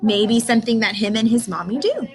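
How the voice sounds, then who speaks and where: With a crowd audible behind her, a woman speaking briskly in a higher voice runs a read-aloud lesson for young kids in the early grades. She prompts with questions and carefully sounds out important words.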